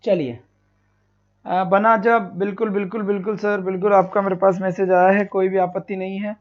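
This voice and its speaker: A man's voice: high voice, little pitch movement, normal speed, muffled recording. A man teaching a live online exam-prep class. He keeps repeating his own questions and answering them, and chats with his students, scolding the latecomers. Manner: chatty, scolds students for being late.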